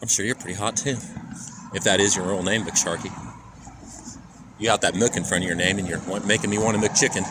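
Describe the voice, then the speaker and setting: On a live stream recorded by phone outdoors, a Kansas man talks a little fast with a lowish, fairly even voice and frequent pauses. He rambles casually, jokes, and reads chat to his viewers as the traffic noise comes through clearly.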